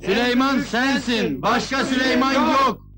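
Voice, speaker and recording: An actor playing a flattering villager who coaxes and praises his leader. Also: very high-pitched, measured pace, slight background noise, exaggerated voice. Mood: coaxing.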